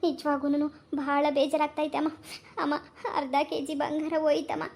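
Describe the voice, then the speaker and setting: A woman's voice: high-pitched, level tone, moderate pace, a little mellow. A woman playing a grieving young married daughter, pleading and repetitive. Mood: tearful. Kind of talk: village comedy skit acting.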